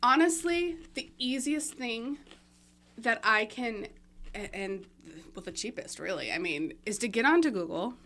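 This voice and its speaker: A woman's voice: a little high, animated, unhurried, fairly bright tone. A woman guest on a podcast talking casually about marketing, chatty with many fillers and frequent laughs. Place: room, eating during recording. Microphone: podcast mic.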